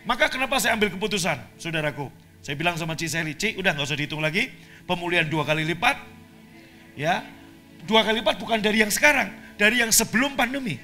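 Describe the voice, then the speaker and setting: Fiery, bright-voiced preacher man. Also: high voice, lively intonation, faint music behind. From Indonesia. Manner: preaching with rising shouts and fast asides. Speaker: pastor. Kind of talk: sermon.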